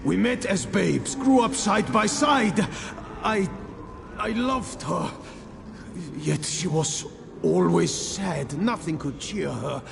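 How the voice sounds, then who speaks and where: A man voicing a tormented, remorseful ghost of a squire in a video game, pleading and halting with a gravelly voice. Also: sits high, animated, full character voice. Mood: sorrowful. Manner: anguished, halting, pleading delivery. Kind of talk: dramatic video game voice acting. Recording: long ghostly reverb, noisy ambience.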